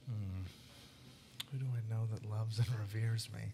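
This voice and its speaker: A man's voice: fairly low pitch, fairly even intonation, normal speed, mellow, a little hiss or hum. A man playing in a tabletop game, chatty, asking questions and laughing. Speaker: player. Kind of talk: casual tabletop game chat.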